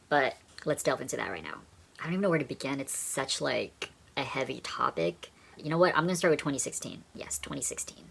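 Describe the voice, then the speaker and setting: A man's voice: mid-range voice, creaky, fairly bright tone. A young man from Indonesia earnestly telling his personal story to camera as a vlogger.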